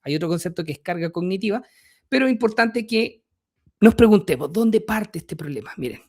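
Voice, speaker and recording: A man's voice: high voice, animated, fairly quick, darkish tone. A middle-aged man with a Chilean accent hosting a podcast, explaining ideas step by step and asking his listeners rhetorical questions. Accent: Chilean Spanish. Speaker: podcast host.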